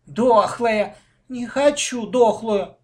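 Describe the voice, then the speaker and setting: Man doing a tiny plaintive girl from a storybook, whining in a very high voice. Drawn-out, slow complaints. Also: heavily acted. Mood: whiny. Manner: plaintive, whiny. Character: small whiny little girl.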